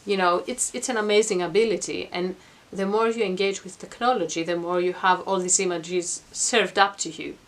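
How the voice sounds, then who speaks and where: In her attic at home, a middle-aged vlogger talks to camera, explaining things informally in a reflective, earnest, conversational way. Her voice is on the low side with fairly even intonation, moving at a moderate pace with few pauses.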